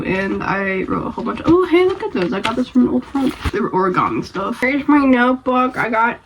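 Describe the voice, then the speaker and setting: A woman's voice: medium pitch, vocal fry, background noise. A young woman with a cold, rambling casually and self-deprecatingly in a vlog. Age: young adult. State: has a cold. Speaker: vlogger.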